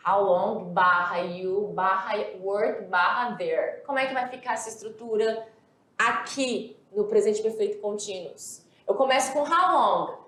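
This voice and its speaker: A woman from Brazil teaching an English grammar lesson, reading example sentences slowly and explaining in quick asides. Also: medium pitch, fairly bright tone, echoey room.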